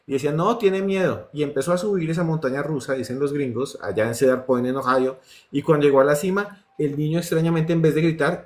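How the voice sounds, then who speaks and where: Animated Colombian man telling legends. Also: a little high. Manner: animated storyteller acting out voices and screams. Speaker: horror writer telling urban legends. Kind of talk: storytelling on a talk show.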